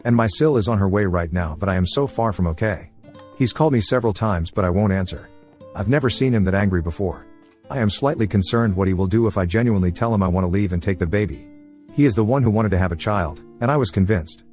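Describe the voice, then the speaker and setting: A man narrating forum posts as a story, reading quickly with few pauses. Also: on the low side, a little mellow, soft background music. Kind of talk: fast scripted story reading.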